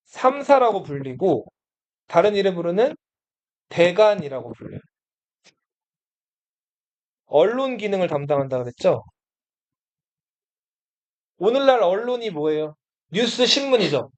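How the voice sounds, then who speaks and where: Male history teacher, high and animated. Lectures casually and bluntly, and quizzes the class before answering himself. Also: a little slow, long pauses. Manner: asks the class questions and answers them himself.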